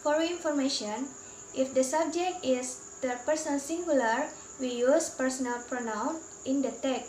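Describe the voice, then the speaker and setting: A woman's voice: high-pitched, a little slow, a little mellow. A young woman student explaining English question tags, reading example sentences aloud carefully. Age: young adult. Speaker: student presenter. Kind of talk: explaining English grammar in class video. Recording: roomy echo, faint background hum.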